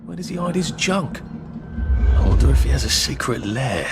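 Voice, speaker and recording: A man's voice: mid-range voice, expressive, normal speed, vocal fry, loud music behind the voice. An actor playing a nosy man muttering to himself while searching a place. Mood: curious.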